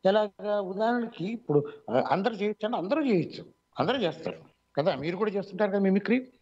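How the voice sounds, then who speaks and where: A man's voice: high voice, animated, darkish tone. Telugu-accented man, muffled radio audio. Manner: measured, explanatory, with many pauses and fillers. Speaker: mimicry artist guest. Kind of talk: radio interview answers. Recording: dull lo-fi online radio audio.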